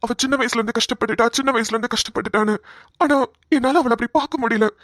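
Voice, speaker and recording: A woman's voice: on the high side, steady tone, fast talker, fairly bright tone, no room sound, clean studio sound, natural voice. A woman voicing an earnest, remorseful young man in a cartoon, talking in a heartfelt way. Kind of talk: cartoon voice acting.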